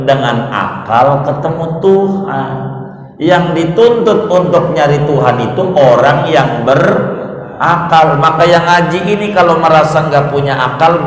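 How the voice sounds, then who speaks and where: A male preacher giving a playful Islamic study sermon, quizzing the congregation and answering himself. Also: on the high side. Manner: playful, asks the congregation questions and answers them. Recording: echoey hall with long reverb.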